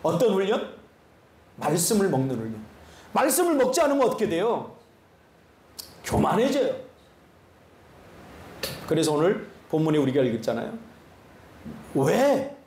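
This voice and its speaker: A male pastor giving an animated sermon full of rhetorical questions to his congregation. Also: a little high, moderate pace, long pauses, echoey room, slight background noise. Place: church sanctuary.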